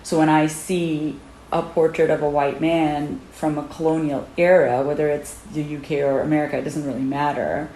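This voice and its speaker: A woman from Sri Lanka speaks earnestly and with personal emphasis, her voice set very low. The recording carries a roomy echo and faint background hiss. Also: level tone, normal speed, mellow. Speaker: interviewee, doctor. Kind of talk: interview.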